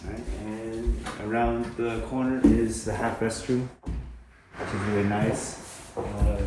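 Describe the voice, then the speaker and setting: A man giving a casual, low-key walk-through house tour as a real estate agent, tentative and mildly approving. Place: inside a mostly empty house, walking through. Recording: echoey empty rooms, distant mic, background noise.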